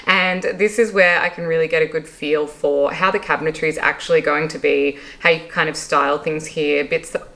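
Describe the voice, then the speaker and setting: A chatty young woman vlogging casually about her day, her voice sitting a little low. She talks easily and apologizes for her hiccups as they come. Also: fairly even intonation, fairly quick, hardly any pauses, fairly bright tone. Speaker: vlogger and interior designer. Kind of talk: casual vlog chat.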